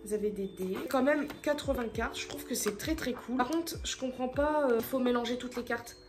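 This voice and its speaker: A woman's voice: fairly high pitch, moderate pace, over music. A woman chatting casually to her vlog audience at home, rambling and tripping over her words. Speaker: vlogger. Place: at home indoors.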